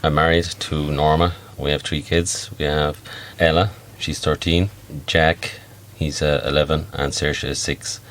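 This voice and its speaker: A man with a west of Ireland accent talks casually as a guest. His voice is extremely low and rather flat, with faint noise behind it. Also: measured pace, few pauses. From County Galway, Ireland. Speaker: interview guest, amateur swimmer. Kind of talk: casual self-introduction.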